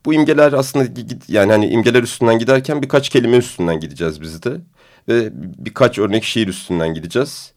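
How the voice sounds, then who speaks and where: A man hosting a radio discussion program, with a deep, booming voice and a relaxed, hesitant delivery full of fillers. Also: quick pace. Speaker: radio show host.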